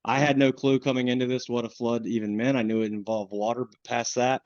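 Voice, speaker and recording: A man's voice: mid-range voice, flat delivery, fairly quick, darkish tone, no room sound. A man with a Southern US accent presenting a webinar on flood insurance in a casual way, with plenty of restarts and fillers. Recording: dull, lo-fi webinar audio.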